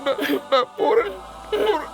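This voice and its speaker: A man's voice: extremely high pitch, animated, measured pace, gravelly, music in the background, heavily acted. An actor playing a middle-aged father who tearfully confesses his wrongs. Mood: remorseful. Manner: broken, tearful. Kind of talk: film acting.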